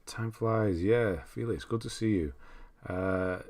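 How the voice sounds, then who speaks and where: Slow and a little mellow, this man's fairly low voice carries a casual live chat. As host, he reads viewer messages and remarks on game lists, musing aloud and trailing off into asides.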